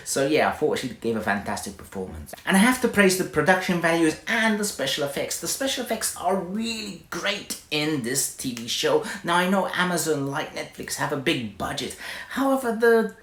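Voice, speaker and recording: A man's voice: mid-range voice, roomy sound. A man from Malta giving a casual, enthusiastic and rambling straight-talking review.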